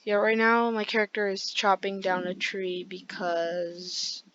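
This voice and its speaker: A woman's voice: mid-range voice, level tone, a little slow, a bit bright, dull audio, a little hiss or hum. A woman with a groggy voice, rambling through casual gameplay commentary with lots of fillers. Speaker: gaming video creator.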